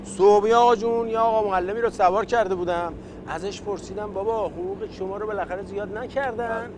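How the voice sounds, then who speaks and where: A man's voice: high-pitched, steady tone, close to an everyday voice. A man playing a cheeky, devoted taxi-driver son, chatty, complaining and effusively polite, in scripted political satire. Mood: grumbling. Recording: clear vehicle and street noise.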